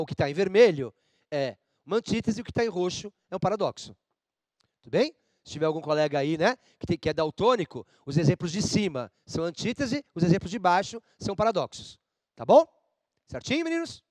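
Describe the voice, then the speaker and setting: Brazilian male teacher, high animated voice, dry studio sound, playful lecture. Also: no room sound. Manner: animated, playful, addresses students directly. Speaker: Portuguese teacher. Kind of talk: lively televised class lecture.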